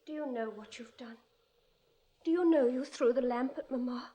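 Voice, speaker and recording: A woman's voice: sits high, moderate pace, warm tone, breathy edge. An actress playing a frightened young daughter pleading with her father in a 1950s radio drama, speaking earnestly. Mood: anxious. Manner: earnest, pleading girlish delivery.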